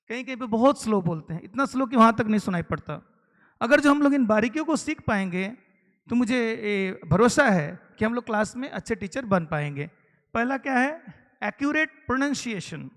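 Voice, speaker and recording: A man from eastern India trains teachers, explaining things step by step, asking the audience rhetorical questions and mixing in English terms. His voice is very high-pitched and fairly bright, and a long hall reverb colors the recording.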